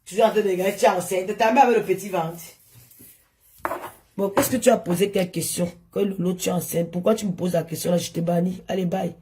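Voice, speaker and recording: A woman's voice: lowish voice, steady tone, fast, noisy background. A woman streaming live from home on her phone, chatting with followers, showing items to the camera and scolding viewers who comment. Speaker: social media influencer.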